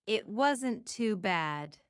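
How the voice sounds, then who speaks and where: Slow, crisp woman reading practice phrases. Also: medium pitch, dry recording, clean studio sound. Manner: repeats each phrase several times, deliberate and even. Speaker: English phrase reader.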